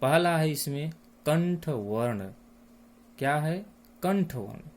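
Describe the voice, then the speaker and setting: A man teaching a class lesson, speaking slowly and deliberately and lingering on each sound. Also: on the high side, lively intonation, darkish tone, a little hiss or hum.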